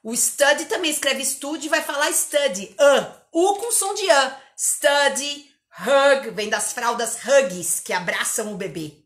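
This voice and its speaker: A woman English teacher with an interior São Paulo accent, giving an energetic live online lesson and drilling words over and over. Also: high-pitched, unhurried, echoey room. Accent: interior São Paulo Portuguese.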